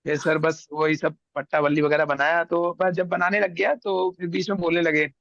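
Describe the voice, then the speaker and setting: A man's voice: fairly high pitch, normal speed, creaky, no room sound, highs cut off. A young man from India, a guest on an interview show, telling his story casually and acting out what others said. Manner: animated, acts out others' lines.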